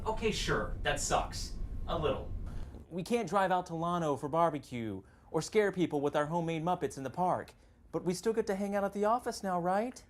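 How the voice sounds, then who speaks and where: An actor playing a flippant, wordy dead best friend haunting a coffee pot in a comedy drama. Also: male voice, high-pitched, moderate pace, close to an everyday voice. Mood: joking, coaxing. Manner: flippant, chatty, theatrically wordy. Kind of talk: comedic audio-drama dialogue.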